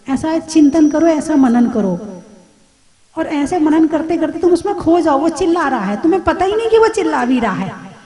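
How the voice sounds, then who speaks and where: A woman, a Jain nun, giving a conversational sermon full of rhetorical questions and gentle humor. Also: high voice.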